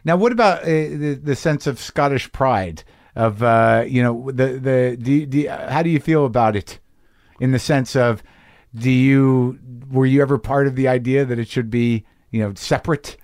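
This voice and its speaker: A man hosting a casual interview, asking questions haltingly as he thinks aloud. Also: medium pitch, a little mellow, no echo, clean studio sound. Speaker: interviewer, podcast host.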